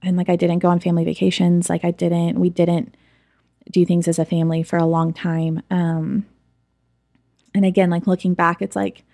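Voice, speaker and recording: A woman's voice: lowish voice, flat delivery, normal speed, warm tone, no echo, clean studio sound. A woman guest in an interview, candidly and reflectively recounting a personal story, with frequent fillers.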